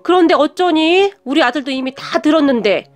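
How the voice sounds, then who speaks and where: A woman's voice: sits high, fairly quick, faint music behind, voice pushed up, natural voice. A woman voicing a stern middle-aged father who confronts his son's fiancée.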